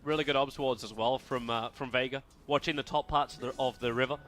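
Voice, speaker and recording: A man doing live esports play-by-play commentary, excitable and rising to shouts at big plays. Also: mid-range voice, a little fast, a little hiss or hum.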